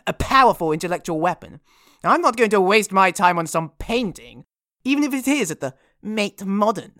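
A woman's voice: medium pitch, expressive, moderate pace, a bit bright, no echo, clean studio sound, lightly acted. A woman playing a vain, lazy, pompous male detective in a comic audio drama, petulant and theatrical in manner. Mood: indignant, boastful.

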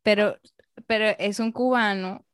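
A woman's voice: medium pitch, fairly even intonation, a little slow, smooth, dry recording, clean studio sound. A woman from Peru hosting a casual interview, thoughtful and agreeable. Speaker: interviewer, host.

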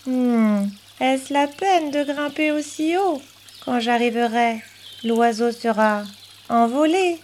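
A woman's voice: high voice, takes it slowly, darkish tone, slight background noise. Woman doing a sly muttering cat. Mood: scheming. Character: sly scheming hungry cat.

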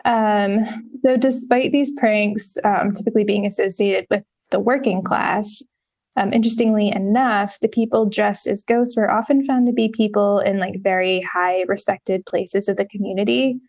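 A woman co-hosting a casual history podcast, talking in a relaxed way with lots of ums and the odd wry swear word. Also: mid-range voice, normal speed. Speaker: podcast co-host.

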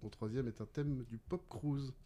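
A man hosting a casual riddle game among friends, reading each clue slowly and carefully and breaking off to laugh. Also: medium pitch, fairly even intonation, mellow. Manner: reads clues slowly and carefully, laughs between them. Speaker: quiz host.

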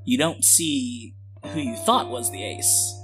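A man acting as game master, improvising scene narration for a tabletop game in a halting, drawn-out way. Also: mid-range voice, lively intonation. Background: guitar music.

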